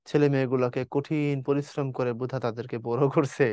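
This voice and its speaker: Soft-spoken male teacher with a cold. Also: medium pitch, level tone, dry recording. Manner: speaks softly and slowly, teasing students. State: mild fever and a cold. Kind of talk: online class lecture.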